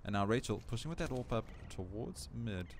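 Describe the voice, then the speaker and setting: A man with a South African accent doing play-by-play esports commentary, excitable and climbing in pitch at big plays. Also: fairly quick. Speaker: esports caster. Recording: noisy stream audio with game gunfire. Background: game gunfire and clicks.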